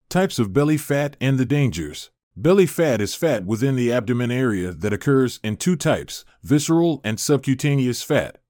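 A man's voice: medium pitch, dry recording. Man narrating a fitness script, dry sound. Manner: even, informative reading.

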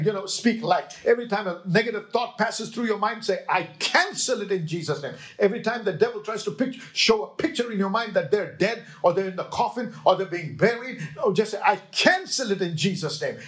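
A man's voice: high voice, a bit bright. A man preaching a sermon with emphasis, quoting scripture and checking in with his listeners. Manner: emphatic, slow, with call-and-response checks to the listeners.

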